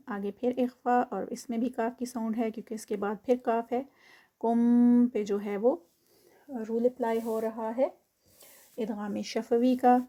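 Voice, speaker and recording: A woman teaching tajweed, reciting verses slowly and loudly, then explaining the rules quickly and quietly. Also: a little high.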